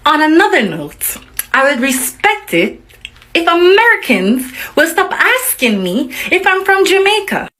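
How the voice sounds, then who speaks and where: A woman from the Caribbean talking to camera in a measured, mildly frustrated way. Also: extremely high pitch, big pitch swings, pushed and bright. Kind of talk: calm selfie monologue.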